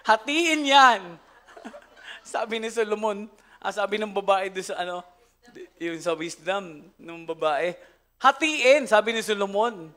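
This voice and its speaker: A man's voice: high voice, fairly even intonation, normal speed. A man with a Filipino accent preaching a church sermon, telling stories with frequent laughter and switching between Tagalog and English. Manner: storytelling, laughing often, mixing English into Tagalog. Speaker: pastor. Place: church service.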